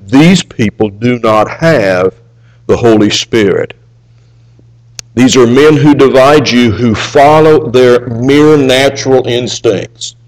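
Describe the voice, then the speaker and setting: A man preaching a sermon, reading scripture aloud and swinging between raised emphasis and hushed asides. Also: medium pitch, low-quality recording.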